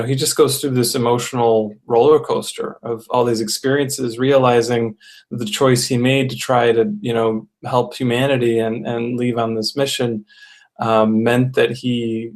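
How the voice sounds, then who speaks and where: Male co-host, casual chat: mid pitch, monotone delivery, earnest and even, filler-heavy. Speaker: co-host reviewing a film. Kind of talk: casual discussion.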